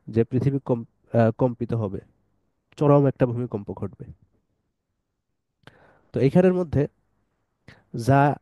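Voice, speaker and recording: A man teaching an online tajweed lesson, explaining letter sounds patiently step by step and reciting verses slowly. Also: mid-range voice, mellow, no room sound, rough recording.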